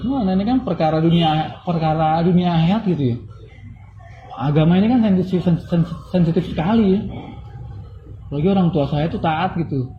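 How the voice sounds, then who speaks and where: A young man telling his own story to an interviewer in an earnest, emotional way. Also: on the high side. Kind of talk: casual personal story told to an interviewer. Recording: muffled lo-fi recording with audible noise.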